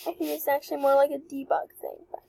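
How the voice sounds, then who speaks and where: A young woman chatting excitedly through a walkthrough of an avatar creator, with apologetic asides. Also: high voice, quick pace, vocal fry, no echo, rough recording. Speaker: channel host reviewing avatar creators. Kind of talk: casual screen-recording walkthrough.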